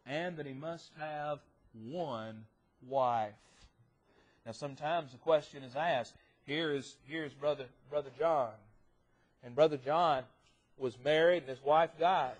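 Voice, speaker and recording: A man preaching a sermon in church, stressing phrases loudly and dropping to quiet asides, asking rhetorical questions and answering them himself. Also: on the high side, takes it slowly, husky, muffled recording.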